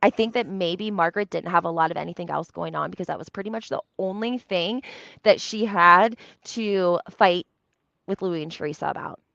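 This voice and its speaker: A woman with a lowish, creaky, fairly bright voice speaks at a moderate pace, offering casual, opinionated reality TV commentary. She's conversational and emphatic, leaning on rhetorical questions and repetition. The recording has a roomy echo and a slightly dull, lo-fi quality.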